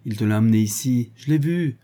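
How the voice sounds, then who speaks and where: A man's voice: mid-range voice, a little fast, warm tone, natural voice. A man playing a wounded, jealous young soldier who hurls bitter accusations and curses. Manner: accusing, cursing outbursts.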